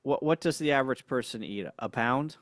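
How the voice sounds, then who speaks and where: A man in casual livestream chat, laid-back and chuckling as he reads viewer comments out loud. His voice sits at an ordinary middle pitch, and the recording is close and dry with no room sound. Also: fairly quick, dry recording. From United States. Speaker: co-host of a ham radio livestream.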